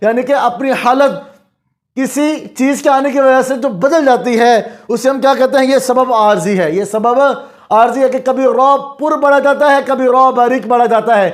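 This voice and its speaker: A man teaching Quran recitation rules, asking the class questions and answering them himself, and chanting examples slowly. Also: very high-pitched. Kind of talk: explanatory lesson.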